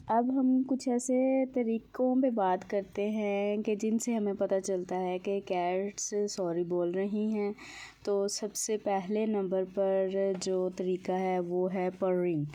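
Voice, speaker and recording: Calm woman explaining pet behavior. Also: medium pitch, slight background noise. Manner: calm explaining, mixes English words into Urdu. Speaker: pet video host. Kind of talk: explanatory voice-over.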